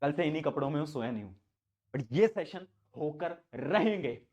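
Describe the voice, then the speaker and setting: A man's voice: a little high, expressive, moderate pace, a little mellow, muffled recording. A young man tutoring students online, giving a motivational exam-prep talk that speaks straight to them and repeats his points. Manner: pep-talk, addresses students directly, repeats phrases. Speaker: online tutor for board exams. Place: indoor room, standing before camera.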